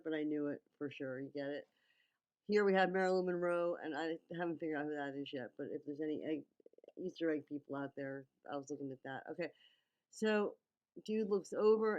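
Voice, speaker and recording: Lower-voiced woman giving casual commentary. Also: fairly quick, a little mellow, lo-fi sound. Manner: teacherly, checks in with okay and right. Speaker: video commentator breaking down a music video. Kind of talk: casual running commentary and film analysis.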